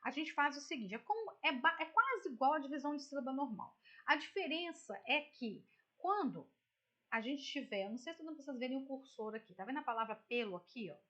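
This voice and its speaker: A woman's voice: high-pitched, lively intonation, fairly quick, bright, forceful tone. A woman teacher with a Brazilian Portuguese accent explains a poem in an online lesson, chatty and explanatory, often checking in with "tá?" and "né?". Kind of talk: online literature lesson, screen-share explanation.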